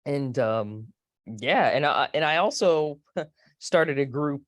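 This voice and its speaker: A woman's voice: deep voice, expressive, slow pace, no room sound, studio quality. A woman in her forties from Florida, a space historian telling rambling, chatty stories as an interview guest. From Florida, USA. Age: 40s. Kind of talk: casual interview.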